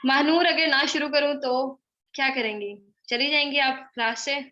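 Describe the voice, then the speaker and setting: Through what sounds like a computer mic on a video call, dull and lo-fi, a young woman runs a live spoken-English class online. With a high, bright voice she briskly teases and scolds her students while slipping English phrases into her Hindi-Urdu.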